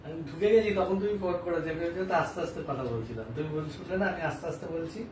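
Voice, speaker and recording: A man's voice: a little high, expressive, rapid-fire. A man playing a husband in a home skit, talking in a playful, teasing way. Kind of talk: acted domestic skit. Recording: echoey room from a distance with noise.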